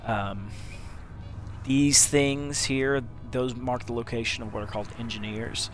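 Man, slight lisp, mid-pitched voice, rambling let's-play commentary, game music behind. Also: steady tone, unhurried. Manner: rambling and chatty, with many fillers and restarts. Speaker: gameplay commentator.

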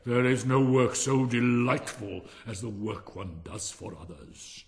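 A man's voice: mid-range voice, lightly acted. Man acting a pompous, bossy storybook miller, reverberant hall. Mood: cheery, booming. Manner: emphatic, preachy, drawn-out delivery. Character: pompous, bossy, self-satisfied miller, hearty false friend. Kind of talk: storybook character voice. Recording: long reverberant hall sound.

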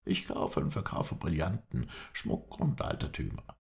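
A man's voice: low voice, animated, a little slow, creaky, darkish tone, pitched above the performer's own voice, full character voice. A man voicing a fawning, eager male house watchman who is keen to please.

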